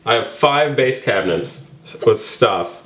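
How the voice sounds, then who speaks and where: A man's voice: mid-range voice, lively intonation, a little slow, fairly bright tone, roomy sound, low-quality recording. A man co-hosting a casual kitchen tour, talking in an opinionated, playful way. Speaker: home cook and co-host.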